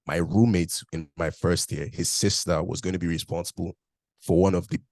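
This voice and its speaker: The speaker is a young guest from Nigeria, telling his story candidly in a casual interview, accent a mix of Nigerian, British and Canadian, with heavy use of "like". His low, a little mellow voice keeps fairly even intonation at normal speed, on a dry recording.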